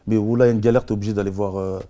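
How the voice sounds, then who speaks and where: A man, an interview guest, telling his story casually in heavy street slang, animated and full of sound effects. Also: fairly low pitch, rapid-fire.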